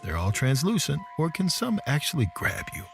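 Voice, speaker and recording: A man's voice: on the high side, huge pitch swings, normal speed, gravelly, husky, soft background music, voice pushed up, full character voice. A man voicing a curious, tricky young woman on a road trip, in a recorded audio story.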